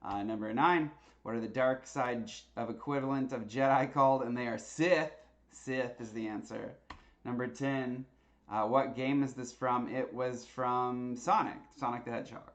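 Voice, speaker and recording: A man casually hosting a live-streamed trivia night, chatty and quick to laugh between answers. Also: mid-range voice, fairly even intonation. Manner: chatty, laughs easily, lots of uh fillers.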